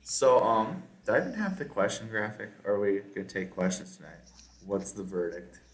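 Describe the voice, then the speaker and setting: A man hosting a casual podcast, reading out listener questions and messages with quick asides. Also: lowish voice, background noise. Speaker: podcast host.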